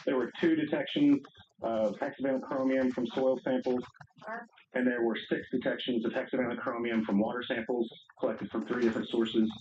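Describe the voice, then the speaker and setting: A man's voice: mid-range voice, level tone, brisk, a little mellow. A man comes through a speakerphone into the room, his voice roomy and muffled. He walks through test results carefully from memory. A faint hiss sits under the call. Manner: careful, recalls details from memory. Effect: heard over a conference speakerphone. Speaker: consultant reporting test results. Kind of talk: meeting call. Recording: echoey, dull, faint hiss over speakerphone.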